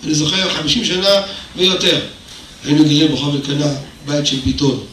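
A man's voice: on the high side, a bit bright. An older man giving a Torah lecture, telling stories and acting out the dialogue, with emphatic bursts. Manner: storytelling, acts out dialogue, rises to emphatic bursts. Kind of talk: sermon with told anecdotes. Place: hall of a religious institution. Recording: very echoey hall, voice from far off, faint noise.

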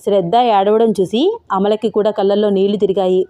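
A woman narrating a romantic family audio story in a steady storytelling manner. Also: medium pitch, fairly quick. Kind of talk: scripted narration.

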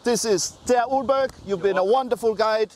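A young man from Samoa hosting a travel show outdoors, relaxed and friendly. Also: high-pitched, normal speed. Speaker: show host. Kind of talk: casual travel show chat. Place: outdoors among palm trees.

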